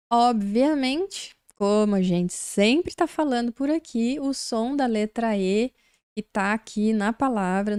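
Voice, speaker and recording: A woman's voice: mid-range voice, darkish tone, clean tone, dry recording, clean studio sound. A woman from Brazil teaching an online English lesson, explaining words patiently step by step.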